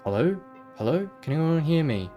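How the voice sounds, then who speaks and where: A man reading aloud as a frightened old man lost in a cold, dark void, calling out for anyone to hear him. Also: fairly high pitch, sing-song, moderate pace, soft background music, voice pushed up. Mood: pleading, frightened. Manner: frightened, pleading.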